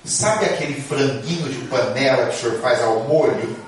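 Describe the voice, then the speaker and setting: A man's voice: medium pitch, moderate pace, a little hiss or hum, natural voice. A man voicing a hungry young monk who begs and whines, in a very echoey hall far from the mic. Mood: timid. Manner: whiny, begging.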